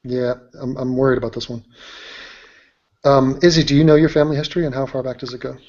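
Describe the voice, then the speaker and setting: A man's voice: medium pitch, flat delivery, fast talker, darkish tone. Teasing male chat host. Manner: joking, teasing. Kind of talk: casual chat. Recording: dull lo-fi audio.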